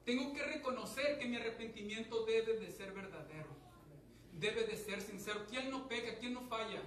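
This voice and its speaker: A man with a very high, bright, ringing voice preaches a fervent sermon, throwing out questions and swelling into loud exhortation. He sounds some way off the mic in an echoing church hall, with a faint hiss behind him. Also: normal speed, distant mic. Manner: impassioned, rising to loud exhortation; asks the congregation rhetorical questions. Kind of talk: evangelical sermon.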